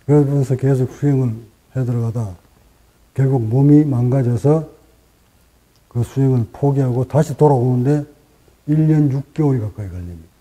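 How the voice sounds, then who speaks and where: A man teaching as a Buddhist meditation master, speaking in short, deliberate phrases with pauses and rising for emphasis. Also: medium pitch, warm tone, low-quality recording. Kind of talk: dharma talk.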